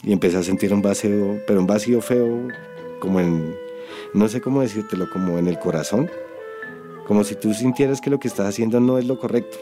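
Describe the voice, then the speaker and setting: A storyteller telling a personal story in an interview, soft and reflective with hesitant pauses. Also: male voice, lowish voice, over music.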